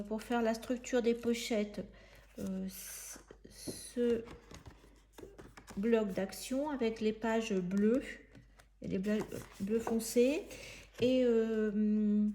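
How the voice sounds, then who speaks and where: A woman talks through a craft project at an unhurried pace, pausing often to find her words. Her voice is soft and warm, with a faint hiss of background noise. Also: fairly high pitch. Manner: thinks aloud in halting, searching phrases. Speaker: craft tutorial presenter. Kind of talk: casual step-by-step craft demonstration.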